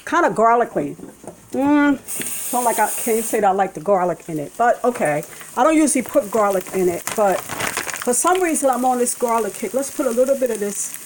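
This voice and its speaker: A woman's voice: a little high, animated, moderate pace, low-quality recording. Chatty woman cooking over a sizzling pan. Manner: chatty, rambling, self-correcting. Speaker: vlogger cooking a vegan breakfast. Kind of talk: casual cooking demonstration. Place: home kitchen. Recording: kitchen noise and pan sizzle. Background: food sizzling in a pan.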